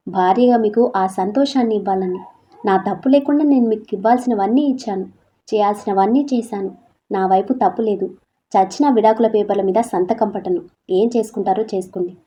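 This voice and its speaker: Brief: a woman doing a wounded young wife in an audio story, mellow low-key tone, quietly resolute, slightly dull audio. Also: natural voice. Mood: defiant. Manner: soft, tearful, turning resolute. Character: young wife, hurt but standing firm.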